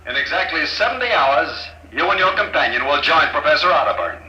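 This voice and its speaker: A smug villain on an intercom. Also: male voice, on the high side, sing-song, brisk, sharp tone, slight background noise, full character voice. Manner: smug, coolly mocking. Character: cold villain speaking over an intercom. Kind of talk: 1950s radio drama acting. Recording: roomy, muffled old radio recording.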